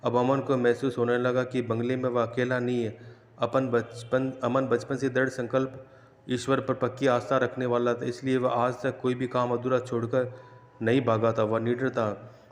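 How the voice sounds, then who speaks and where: A storyteller narrates ghost stories in a measured, flat, middle-pitched voice. His words echo through a roomy space with a long, hollow reverb tail.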